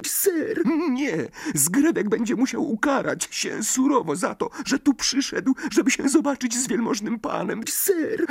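A wailing, raspy little house-elf. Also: darkish tone, no echo, studio quality, heavily acted. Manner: squeaky, wailing, calls himself by name. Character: tiny servile male house-elf, tearful and anxious. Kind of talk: audiobook character voice.

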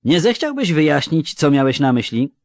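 A blunt male dwarf growls his views plainly, voiced by a man reading a storybook. The voice is pitched up and recorded dry and close. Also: big pitch swings, normal speed, no echo. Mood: forthright. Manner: forthright, growling.

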